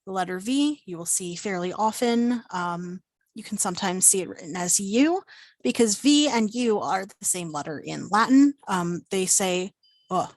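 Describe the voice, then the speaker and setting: A woman's voice: medium pitch, lively intonation, moderate pace, no room sound. A woman giving an unscripted online lesson on Latin pronunciation, with many ums and restarts as she explains. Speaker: Latin teacher. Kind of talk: online class lecture. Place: home, virtual presentation.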